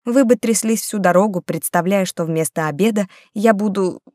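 A woman's voice: medium pitch, normal speed, a little mellow, no echo, studio quality, lightly acted. A woman voicing a confident, teasing male nobleman who speaks tenderly and playfully in an audiobook.

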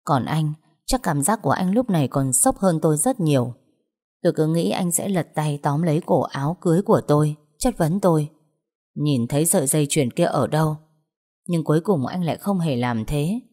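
Low-voiced woman narrating a story. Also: animated, a little fast, mellow. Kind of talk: scripted first-person story narration.

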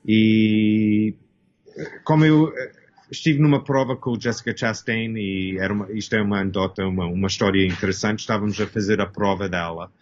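A man's voice: lowish voice, steady tone, a little fast, highs cut off. A Canadian-born man in his fifties, a costume designer speaking as an interview guest, hesitant and searching for words with many restarts. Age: 50s. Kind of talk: casual interview talk.

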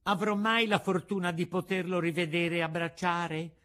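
Pinocchio, a man doing a high excitable puppet boy. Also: moderate pace. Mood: eager. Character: mischievous wooden boy puppet, eager and impulsive.

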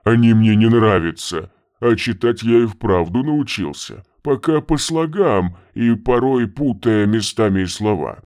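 A man voicing a monstrous male shapeshifter who talks slowly with a gurgling sound and refers to himself in the third person. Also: on the low side, animated, a little mellow, no echo, studio quality. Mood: devoted. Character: monstrous male shapeshifter, simple-minded, devoted and menacing. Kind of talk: audiobook character voice.

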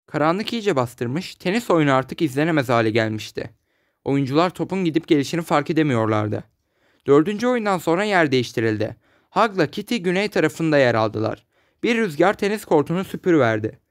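A man narrating an audiobook in a steady storytelling manner. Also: on the high side, fairly quick, no room sound, clean studio sound. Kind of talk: scripted narration.

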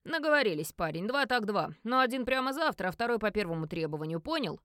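A woman reading as a blond card gambler who mocks a young player. He drawls slowly and sneers at him in a storybook scene. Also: mid-range voice, very animated, a bit bright, dry recording, studio quality. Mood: sneering.

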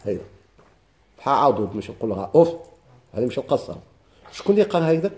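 A man with a Moroccan Arabic accent leads a class on Quranic readings, explaining things step by step, chanting verses slowly, and quizzing his students. His voice is mid-range, mellow, and sing-song.

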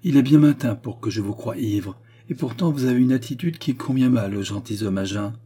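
A man's voice: medium pitch, fairly quick, dark tone, slightly rough, close to an everyday voice. A man reading an audiobook, voicing a proud, imperious young queen who speaks with haughty command. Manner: haughty, cold then commanding.

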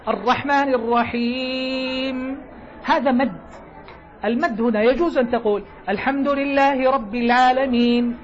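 A man teaching Quran recitation to a circle of students, quizzing them with short questions and reciting example verses slowly. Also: extremely high pitch. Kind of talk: classroom lesson explaining a didactic poem. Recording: dull lo-fi class recording.

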